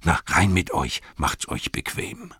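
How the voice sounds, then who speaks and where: A man voicing a bustling, excitable innkeeper who rattles on breathlessly and yells at his staff, in a storybook reading. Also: low-pitched, breathy edge, no room sound, clean studio sound, heavily acted. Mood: blustering. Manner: rapid breathless torrent of words, shouting at staff.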